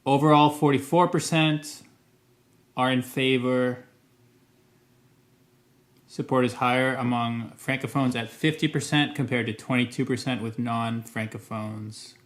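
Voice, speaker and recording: A Canadian vlogger in Montreal, a native English speaker, talks casually to the camera in a thoughtful, careful way, often hedging and restarting his sentences. His medium-pitched voice stays steady and unhurried, with frequent pauses.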